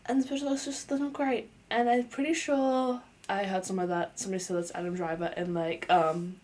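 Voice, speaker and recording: A woman's voice: medium pitch, little pitch movement, a little fast, darkish tone. Chatty young woman vlogger, filler-heavy. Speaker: vlogger reviewing a film. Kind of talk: unscripted casual review.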